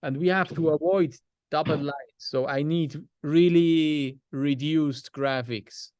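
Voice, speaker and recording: A man's voice: a little high, takes it slowly, a little mellow, smooth, no echo. A man from Switzerland, a client giving direct, step-by-step feedback on a video call. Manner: direct, gives step-by-step instructions.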